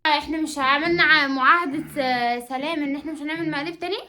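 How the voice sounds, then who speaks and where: A woman's voice: high voice, quick pace, bright, forceful tone, echoey room. A young woman with an Egyptian Arabic accent on a casual home vlog, pleading and insisting with her brother. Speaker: co-host, the host's sister.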